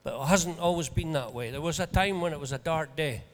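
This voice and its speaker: A Scottish man with a broad accent delivers an informal sermon. His voice sits a little high for a man, and he talks in an earnest, colloquial way, like someone telling stories to people he knows. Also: brisk. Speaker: preacher. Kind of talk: informal conversational sermon with storytelling.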